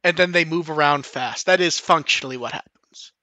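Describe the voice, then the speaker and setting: A man co-hosts a podcast and walks through an episode's plot in a high, bright voice. He quotes the characters in a mocking tone. The sound is dry and close. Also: no echo. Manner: recaps plot quickly, acting out characters' lines sarcastically. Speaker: podcast co-host. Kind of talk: casual episode recap discussion.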